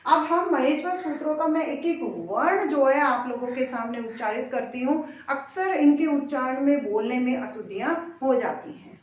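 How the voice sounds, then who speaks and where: A woman with a Hindi accent teaching Sanskrit grammar in a slow lesson, reciting syllables one by one with careful pronunciation. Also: sits high. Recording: echoey room, distant dull mic.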